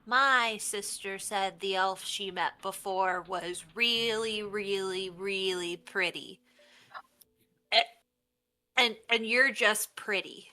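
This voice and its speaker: A woman's voice: mid-range voice, fairly even intonation, slow pace, sharp tone. A woman voicing a curious, blunt young tiefling boy in a tabletop game, with hesitant, childlike questions.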